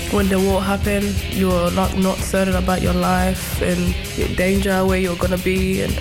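A young woman from South Sudan telling her own story for a radio segment, halting and full of restarts. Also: medium pitch. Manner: halting, with many restarts and "like" fillers. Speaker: interviewee sharing her story. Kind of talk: personal testimony for radio. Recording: music bed under the voice.

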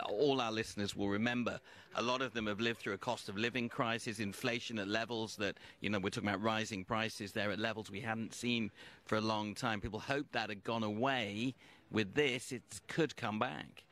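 A man presenting the news in a measured, conversational way. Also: lowish voice, fairly even intonation, a bit bright.

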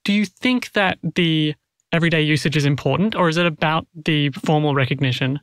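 A man interviewing a guest on radio, asking questions and reading scripted narration in a measured, clear way. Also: on the high side, a bit bright, no room sound, studio quality.

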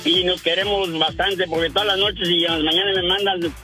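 A man calling in to a radio show, speaking plainly and a bit haltingly. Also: high voice, steady tone. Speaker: caller. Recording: call aired on radio with music.

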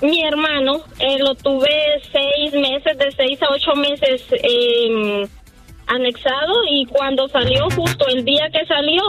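A woman calling in to a radio show. Her voice is high, and she speaks earnestly and at a measured pace. Faint music sits under the call. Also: a bit bright. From Honduras. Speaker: caller.

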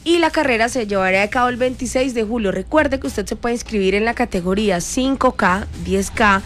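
A woman's voice: a little high, brisk. A woman co-hosting a sports radio show, chiming in with short opinions and reading event details. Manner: brief agreeing interjections, reads event details. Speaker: radio co-host. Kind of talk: casual sports debate.

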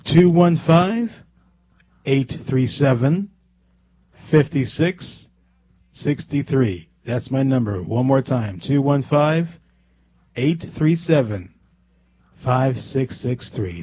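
Slow, mellow, husky-voiced man. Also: medium pitch, animated. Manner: slow, deliberate number reading. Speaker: commercial voice-over man. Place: radio studio.

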